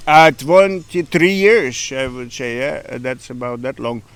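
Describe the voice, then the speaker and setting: A middle-aged man speaks with a Ukrainian accent in a smooth, resonant voice. He answers casually and haltingly, full of fillers. The sound is close and dry. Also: medium pitch, lively intonation, a bit bright, dry recording. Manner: hesitant, many fillers, broken grammar. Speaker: interviewee, café owner. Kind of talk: casual interview.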